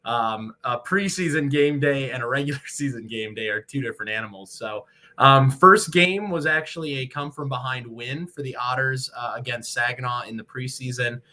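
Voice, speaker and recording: Medium-pitched, pushed and bright, this Michigan-born radio play-by-play sportscaster from the United States talks at a moderate pace. He's a guest in an interview, chatting casually and going on at length.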